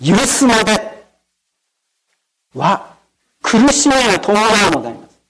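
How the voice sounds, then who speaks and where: The voice is medium in pitch, sing-song, unhurried and a bit bright, on a rough recording. A pastor gives a formal, explanatory sermon woven with storytelling, often closing sentences with solemn set phrases, frequently "de arimasu", and putting questions to the listeners.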